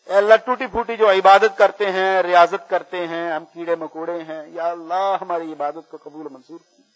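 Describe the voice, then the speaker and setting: A man leading a slow, drawn-out prayer at a gathering. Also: high-pitched, fairly even intonation. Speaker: prayer leader. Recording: muffled and distant from mic.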